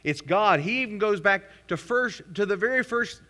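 A man's voice: high voice, animated, normal speed, sharp tone. A man preaching a sermon as pastor, reading scripture aloud with pointed sarcastic emphasis. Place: church sanctuary. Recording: reverberant church hall.

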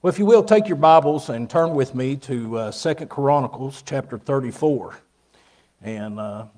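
A man's voice: mid-range voice, a little mellow. A man giving an informal sermon and Bible lesson at a pulpit microphone in a church sanctuary. He speaks plainly, with many fillers and restarts. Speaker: guest preacher.

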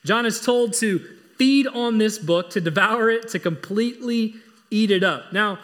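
A high-voiced male pastor delivers a sermon in an unhurried, slightly bright way. He preaches with earnest emphasis, repeating his main points to drive them home.

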